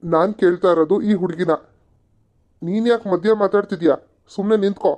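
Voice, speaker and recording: A woman voicing a bossy male police officer in an amateur cartoon serial, gruff and questioning. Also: lowish voice, a little fast, mellow, natural voice. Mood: probing.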